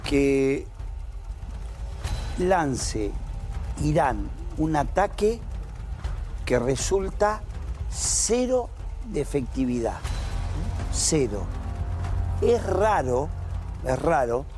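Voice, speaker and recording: A man's voice: on the high side, big pitch swings, drawn-out words, pauses often, a little mellow, soft background music. A man with an Argentine accent arguing his view emphatically on a live TV news panel. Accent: Argentine Spanish. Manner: emphatic, argumentative. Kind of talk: live studio panel discussion. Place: TV news studio.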